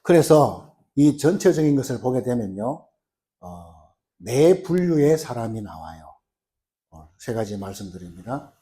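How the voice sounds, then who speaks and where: A man's voice: mid-range voice, big pitch swings, a little slow, dark tone, slight background noise. A man preaching a sermon as pastor, telling a story with frequent "uh" fillers and building force. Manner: storytelling, acting out quoted cries with rising force. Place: church sanctuary.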